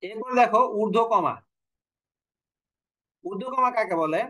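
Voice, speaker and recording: A man's high, bright and forceful voice, lively in intonation and at normal speed, leads an online language class from home or a studio. He explains the rules, questions his students and jokes around now and then, though the recording quality is low.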